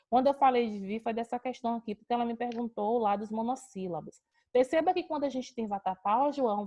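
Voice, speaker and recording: A woman's voice: fairly high pitch, a little mellow, lo-fi sound. A woman from Brazil teaching an online grammar class over a video call, explaining step by step and asking and answering her own questions.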